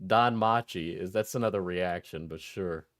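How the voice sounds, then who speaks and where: A man's voice: sits low, normal speed, fairly bright tone, dry recording, clean studio sound. A man giving casual, rambling live stream commentary, with some swearing, as he reacts to videos.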